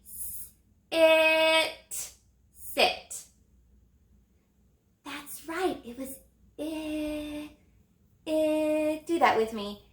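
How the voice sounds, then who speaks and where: A woman teaching a phonics lesson to young children, stretching out sounds slowly and acting out the motions for each vowel. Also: high voice, bright, forceful tone, reverberant. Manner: slow, exaggerated sound modeling with gestures. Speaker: elementary reading teacher.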